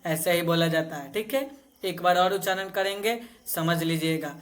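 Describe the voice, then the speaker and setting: A man with a high, fairly bright voice teaches Vedic chanting, reciting verses slowly syllable by syllable and breaking off into quick spoken explanations.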